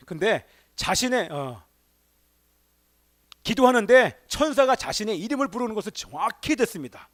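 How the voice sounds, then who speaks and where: High-voiced guy pastor preaching sunday service, keeps throwing questions at the crowd, gets loud then goes real quiet. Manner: fires rhetorical questions at the congregation; swings between emphatic exclamations and hushed, near-whispered asides. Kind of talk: Sunday sermon. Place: church sanctuary.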